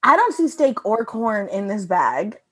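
A woman's voice: medium pitch, unhurried, slightly rough. Chatty woman with a casual, filler-heavy style. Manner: animated, frequent "like" fillers, laughs. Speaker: podcast co-host reviewing a comic strip. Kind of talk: casual chat.

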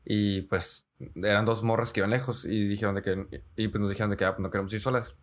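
A young man, a podcast co-host telling stories in slangy, animated casual chat. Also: lowish voice, quick pace. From Mexico. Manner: slangy, says "güey" constantly, animated storyteller.

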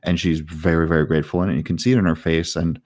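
A man's voice: low voice, flat delivery, quick pace, darkish tone, no room sound, clean studio sound. A man narrating as game master of a tabletop game, loose and full of fillers.

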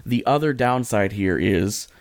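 Co-hosting a podcast, a man offers casual advice in an animated, lowish voice, unhurried, rambling and jokey, frequently cutting himself off. The recording is clean studio sound with no room noise.

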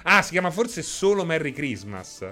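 A chatty man live-streaming and answering his chat by name, laughing often. His voice is bright and forward, with a very lively pitch that jumps around as he talks. Faint music plays behind him. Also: moderate pace.

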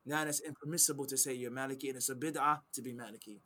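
Answering questions as an Islamic teacher, this man explains religious principles in conversation with a mid-range, bright, forceful voice. His intonation is fairly even but his delivery races, and he stays emphatic, repeating key phrases and quoting Arabic texts.

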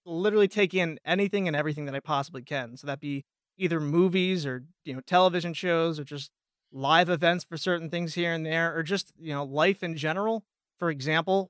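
This clean, dry studio recording features an American man from Pennsylvania whose voice sits on the high side, fairly bright, clear and resonant. A guest voice actor, he chats casually, rambling and poking fun at himself.

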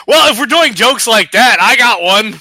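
A man's voice: very high-pitched, animated, normal speed, bright, forceful tone, no echo. A man telling crude jokes in a casual podcast chat, laughing and swearing among friends. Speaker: podcast co-host.

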